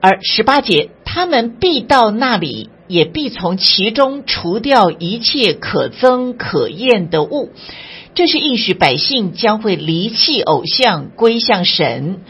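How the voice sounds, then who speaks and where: A woman's voice: mid-range voice, very animated, slow, fairly bright tone, breathy edge. A woman giving devotional Bible commentary, reading verses aloud and then explaining them with small asides. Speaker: Bible teacher. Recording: dull lo-fi recording.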